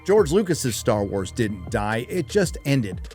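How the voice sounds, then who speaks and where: A man's voice: mid-range voice, big pitch swings, takes it slowly, a little mellow, faint music behind. A man narrating a scripted video review as a scathing, sarcastic critique. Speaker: YouTube reviewer and host.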